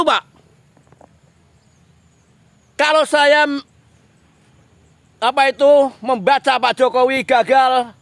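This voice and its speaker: A man's voice: very high voice, creaky, a bit bright, no room sound. A man giving a political commentary monologue, speaking straight to a politician and repeating phrases for emphasis. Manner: addresses a politician directly, repetitive emphatic phrasing.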